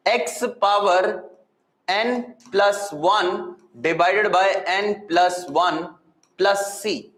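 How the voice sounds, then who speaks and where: A high-pitched man with an Indian accent teaches a live lesson in an echoey room. He repeats key points with emphasis and often puts questions to the class that he then answers himself. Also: fairly bright tone. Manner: repetitive, emphatic, asks and answers own questions. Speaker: physics and maths teacher. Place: indoor room with echo.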